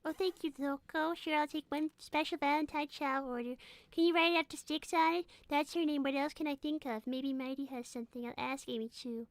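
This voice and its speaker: A woman's voice: high-pitched, fairly even intonation, brisk, no echo. A woman voicing a young, polite, anxious rabbit girl with a prim, earnest manner in a live cartoon roleplay.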